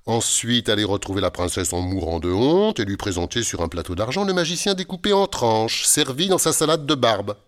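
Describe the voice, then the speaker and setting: A man's voice: on the low side, a little fast, natural voice. A man voicing a nervous, hot-tempered knight in a read-aloud storybook, speaking bluntly and with exasperation, with music behind him. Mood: seething. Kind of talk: storybook character voice.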